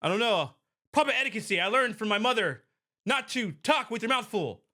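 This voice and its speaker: Animated bright-voiced woman podcast host. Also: on the high side, a little fast. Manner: animated and emphatic, with frequent restarts and laughs. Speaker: podcast host and private security expert. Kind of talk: casual commentary on a video clip.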